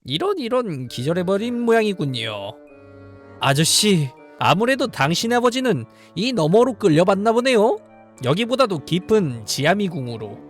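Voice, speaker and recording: A mysterious guide speaks in a calm, formal, polite way, as a man plays him. The voice moves freely up and down, with faint music behind it. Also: sits high, normal speed, pitched above the performer's own voice.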